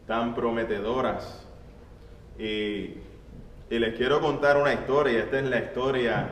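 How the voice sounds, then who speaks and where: A man's voice: mid-range voice, fairly bright tone, slight background noise. A male pastor preaching an earnest sermon in a church, turning to the congregation as he tells a story. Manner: earnest, addresses the congregation as brethren. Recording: echoey church hall from far off.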